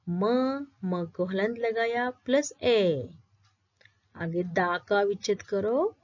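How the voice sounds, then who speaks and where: An Indian woman teacher walks schoolchildren through a Hindi lesson, explaining each answer step by step. She talks slowly at a middle pitch. The recording sounds dull and lo-fi. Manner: explains step by step, mixing in English words.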